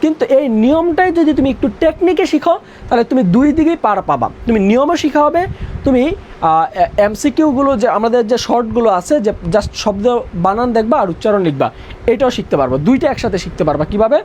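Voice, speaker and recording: Teacher drilling rules aloud. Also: male voice, very high-pitched, lively intonation, fast talker, a little mellow, a little hiss or hum. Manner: repeats rules and quizzes students. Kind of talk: online revision class.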